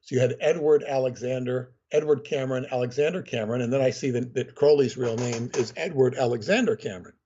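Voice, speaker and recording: A man, a guest author on a podcast, explaining at length in a measured, lecturing way over a remote call. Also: mid-range voice, dark tone, highs cut off, a little hiss or hum.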